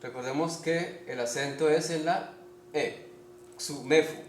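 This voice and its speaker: A man teaches a spelling lesson in a slow, deliberate way, stopping often to check that his listeners follow. His voice sits a little high for a man. The room is echoey, with a faint hiss of noise behind him. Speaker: language teacher.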